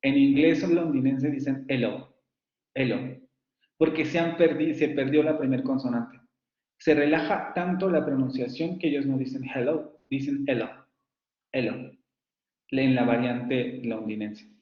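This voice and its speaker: A man lectures on phonetics, pausing with filler sounds and repeating sample words to demonstrate them. His mid-range voice comes through a roomy space. The recording is muffled and lo-fi. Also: medium pitch, fairly even intonation. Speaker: university phonetics professor.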